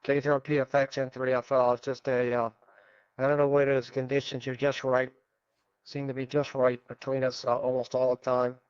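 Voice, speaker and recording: A man's voice: mid-range voice, flat delivery, a little fast, smooth, no room sound. A man running an amateur radio net, heard over a radio transmission, talking in an easygoing, rambling way. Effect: heard over a ham radio transmission. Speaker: net control operator. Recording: dull, lo-fi radio audio.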